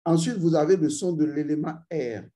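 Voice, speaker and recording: A man with a slightly high but mellow, warm voice gives ritual instruction. He speaks slowly and deliberately, often stopping to intone long vowel sounds and asking his students if they follow. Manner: addresses learners directly, repeats "vous voyez". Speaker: spiritual teacher.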